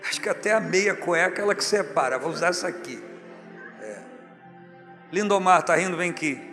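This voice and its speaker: A man's voice: sits high, lively intonation, normal speed, a bit bright, long reverb tail, faint music behind. A Brazilian man preaching as pastor, jovial and teasing as he calls church members up to the front. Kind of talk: sermon. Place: large church hall, music underneath.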